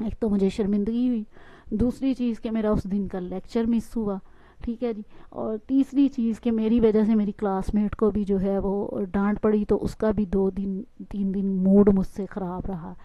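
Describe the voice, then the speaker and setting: A woman with a Pakistani accent, teaching a school lesson, reading the English lines slowly and explaining them in between. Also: medium pitch, no echo. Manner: slow English lines, quick asides. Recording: dull lo-fi sound.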